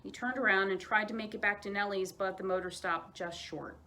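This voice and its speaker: A library storyteller, this woman reads children's stories aloud in a medium-pitched voice. She is expressive, using dramatic emphasis and pauses.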